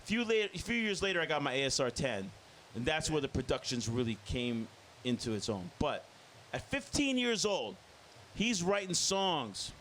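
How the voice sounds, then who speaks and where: A man in his fifties hosting a casual roundtable chat, with a voice that sits a little high for a man. He tells stories in animated, quick bursts, and a faint hiss runs under his speech. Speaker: host, DJ and producer.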